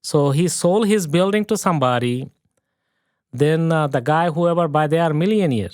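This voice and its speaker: A man's voice: a little high, normal speed, darkish tone, clear, resonant tone, no echo, clean studio sound. Middle-aged Bangladeshi man, broken English. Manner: broken English, earnest and storytelling. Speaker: guest, plumber and real estate investor. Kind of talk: casual interview chat.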